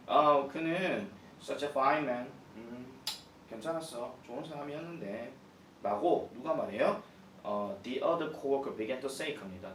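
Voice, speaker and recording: A man's voice: fairly high pitch, echoey room, recorded from a distance, a little hiss or hum. A male English teacher at a cram school giving an exam-prep lecture on a textbook passage. He acts out the dialogue lines in exaggerated voices and keeps checking in with his students. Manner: checks in with listeners.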